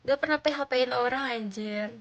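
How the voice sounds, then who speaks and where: A woman chats casually with her livestream viewers. Her voice is on the high side, and she talks in slangy, blunt banter. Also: moderate pace, dull audio.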